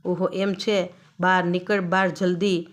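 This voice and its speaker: A woman's voice: on the low side, level tone, unhurried, lightly acted. A woman voicing a curt, dismissive male station officer who shoos a beggar away.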